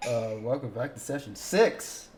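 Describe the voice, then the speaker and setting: A man's voice: mid-range voice, animated, a little slow. A man running a tabletop game who chats casually and swears easily. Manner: laid-back, swears casually. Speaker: game master. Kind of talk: casual livestream chat.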